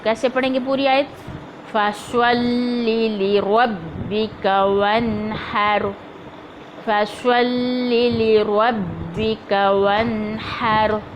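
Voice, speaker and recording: A woman teaching Quran recitation, drawing out syllables slowly and patiently repeating each point. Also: mid-range voice, a little hiss or hum, poor audio. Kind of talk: tajweed lesson.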